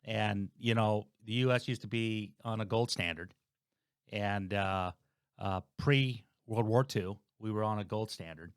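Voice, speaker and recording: Late-50s male podcast guest, low-pitched, meandering and dry-sounding. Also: unhurried, clear, resonant tone, dry recording. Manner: rambling, restarts, thinking aloud. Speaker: guest, host's father. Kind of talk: casual podcast chat.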